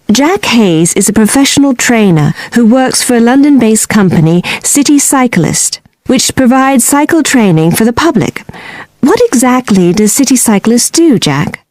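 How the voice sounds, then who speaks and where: Smooth local radio host. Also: female voice, on the high side, darkish tone, no echo. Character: smooth-spoken female local radio presenter. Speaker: radio host interviewing a guest. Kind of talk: scripted radio interview for a listening exam.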